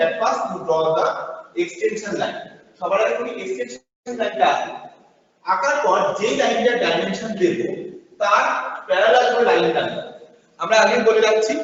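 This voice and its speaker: A male teacher giving an online class from a large empty classroom. He explains slowly and switches between English and Bengali, and a heavy cathedral-like echo fills the hall around him. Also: high voice, fairly bright tone. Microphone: distant device mic over a video call. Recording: echoey empty hall, voice far from the mic, muffled sound.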